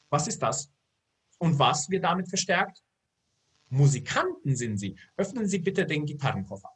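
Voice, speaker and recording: Brief: a man doing a pedantic cop running a roadside check, husky and slightly high. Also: exaggerated voice. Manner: formal, bureaucratic questioning. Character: officious senior male police officer.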